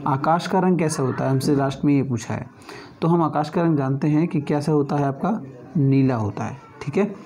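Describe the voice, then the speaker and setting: A man's voice: fairly high pitch, moderate pace, dark tone. A man teaching an exam-prep lesson, working through reasoning questions one by one and often checking in with his students.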